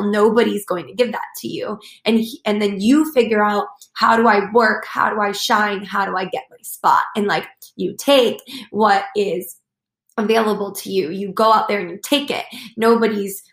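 A woman's voice: fairly high pitch, a bit bright, roomy sound. A woman giving a chatty motivational talk as a network marketing coach, full of fillers like "like" and "you know," acting out the voices she quotes.

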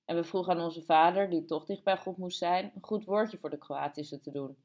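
Low-voiced woman reading an audiobook. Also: darkish tone. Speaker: audiobook narrator. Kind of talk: scripted narration.

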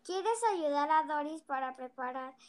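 A child slowly reading a picture book aloud, with small hesitations and restarts. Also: female voice, high voice. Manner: slow, careful reading with little hesitations. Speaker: young storyteller.

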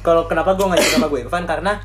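A man's voice: fairly high pitch, steady tone, very fast, a bit bright. A young man who has trouble pronouncing his R's, chatting casually as a podcast host. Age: young adult. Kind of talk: casual bantering chat.

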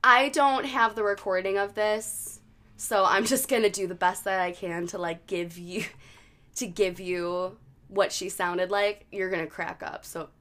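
A woman's voice: mid-range voice, fairly even intonation, a little slow, fairly bright tone. A woman hosting a podcast, telling a case story in a chatty, casual way with lots of fillers. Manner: chatty, many likes and ums. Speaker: podcast host.

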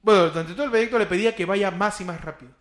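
A young adult man with a Peruvian Spanish accent, hosting a casual chat and retelling spooky taxi stories with slang and animated asides. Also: sits high, racing, echoey room, crowd noise. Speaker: podcast host.

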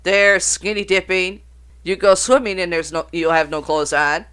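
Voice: medium pitch, fairly even intonation, moderate pace, fairly bright tone, clean tone. A podcast host reading out notes on banned songs, breaking off to swear and joke in casual, uncensored talk. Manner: reads out notes, then swears and riffs.

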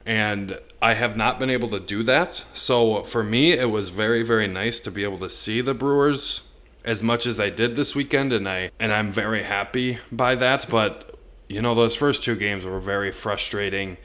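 An American man talks casually as a sports podcast co-host. His voice sits a little low in pitch, with an everyday conversational delivery. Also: a bit bright.

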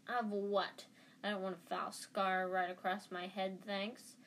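A woman voicing a scathing, smug schoolboy bully in a storybook, with sneering, drawn-out mockery. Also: mid-range voice, little pitch movement, a bit bright, slight background noise. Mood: contemptuous.

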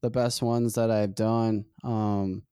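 A podcast host speaks in a warm, smooth voice. He gropes for words with frequent pauses and restarts, reflecting as he talks. The sound is close and dry. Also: on the low side, flat delivery, no echo. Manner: halting, reflective, many fillers and restarts. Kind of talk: casual conversation.

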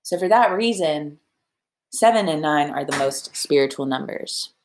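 A woman's voice: sits low, expressive, unhurried, a little hiss or hum. A young woman hosting a podcast, talking in a chatty, emotional and upbeat way about the cards of the day. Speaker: podcast host. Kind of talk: casual spiritual podcast talk.

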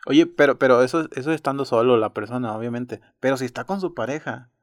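A man with a Mexican Spanish accent talks casually and animatedly, with lots of slang and restarts. His voice sits at a middle pitch. The recording is dry and close, with no room sound. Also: fast, dry recording. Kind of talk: casual chat.

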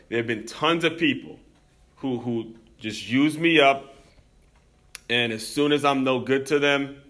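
A young American man hosts a podcast and tells a personal story in an earnest, reflective monologue. His voice is bright and forward. He speaks straight to his listeners. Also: mid-range voice. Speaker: podcast host.

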